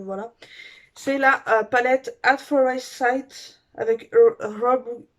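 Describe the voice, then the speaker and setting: A woman beauty vlogger chatting casually through a makeup haul review, gushing and filling pauses with little fillers. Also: on the high side.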